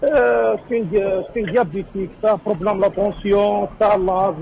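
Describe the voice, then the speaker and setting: Rambling high-voiced male caller. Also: fairly even intonation, vocal fry, a little mellow, muffled recording, slight background noise. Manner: rambling, halting with many fillers. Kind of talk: phone call to a radio show.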